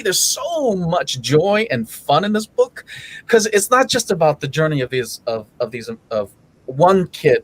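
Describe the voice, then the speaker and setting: Man, host, casual chat, enthusiastic, very animated pitch. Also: low-quality recording. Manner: enthusiastic, lots of fillers and restarts.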